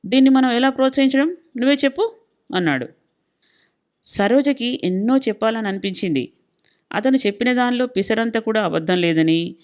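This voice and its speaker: Calm woman storyteller. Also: medium pitch. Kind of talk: story narration.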